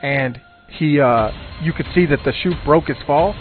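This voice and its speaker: A man's voice: a little high, normal speed. A man narrating a tabletop game as game master, describing the scene in a loose, storytelling way with frequent restarts. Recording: phone-like audio with faint music.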